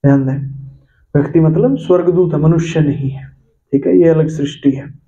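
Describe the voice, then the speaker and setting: A man's voice: fairly high pitch, steady tone, normal speed, mellow. Emphatic male pastor preaching, muffled sound. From India. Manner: emphatic, repetitive, addresses listeners directly with rhetorical questions. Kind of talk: Hindi sermon. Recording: dull lo-fi sound with faint music.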